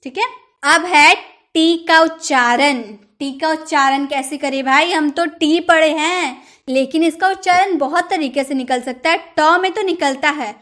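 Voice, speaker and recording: A woman's voice: high voice, a little slow, a bit bright. A woman teaching English spelling rules in a video lesson, spelling out letters and repeating each example word for drill.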